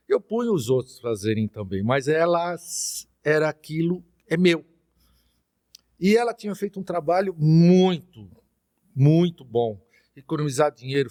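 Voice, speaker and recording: A middle-aged man with a Brazilian accent talks as a podcast guest at a moderate pitch. He tells his story in a lively, anecdotal way and slips into the voices of the people he quotes. The sound is close and dry, with no room echo. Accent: Brazilian Portuguese. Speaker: interview guest.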